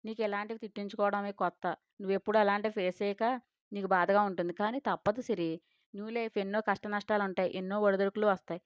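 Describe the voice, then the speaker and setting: A woman's voice: medium pitch, steady tone, fast, clean tone, no room sound, natural voice. A brash young best friend who scolds in a rush and then talks her friend round with patient advice, read by a woman narrator. The storybook recording is dry and a little dull, with no room sound. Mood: soothing. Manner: loud scolding chatter, then soothing advice.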